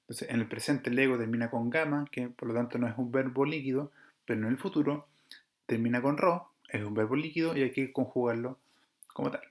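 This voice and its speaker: A man's voice: medium pitch, brisk. A man teaching an online class over slides, explaining patiently, checking in with his students and correcting himself as he goes. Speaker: Greek teacher.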